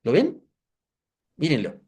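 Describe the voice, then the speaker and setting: A man's voice: a little high, slow, slightly rough. A man in his fifties presenting a live webinar demonstration, asking the audience questions and making self-deprecating asides. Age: 50s. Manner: lively, asks the audience rhetorical questions.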